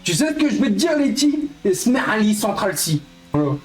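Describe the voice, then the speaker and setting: An excitable man in his thirties chatting through a live racing-game stream, swearing and joking at his own expense. His pitch leaps up and down constantly. Faint music plays underneath. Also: brisk, roomy sound. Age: 30s. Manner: excitable, swearing, playful self-mockery. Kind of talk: casual live-stream gaming chat.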